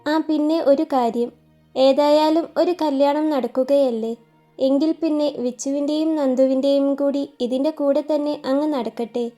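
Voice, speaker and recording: A woman's voice: sits high, fairly even intonation, normal speed, mellow, faint music behind, lightly acted. A woman narrator voicing a father, speaking firm and matter-of-fact. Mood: decisive. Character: decisive father arranging weddings.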